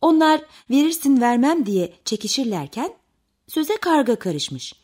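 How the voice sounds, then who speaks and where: A woman narrating a children's animal tale in an expressive storytelling manner. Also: high voice, a little slow, breathy edge.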